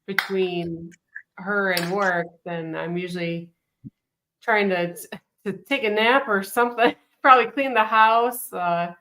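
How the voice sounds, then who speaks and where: A woman's voice: medium pitch, unhurried, sharp tone, a little hiss or hum. A woman who is a podcast guest, answering in a light, giggly, self-deprecating way. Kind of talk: casual podcast chat.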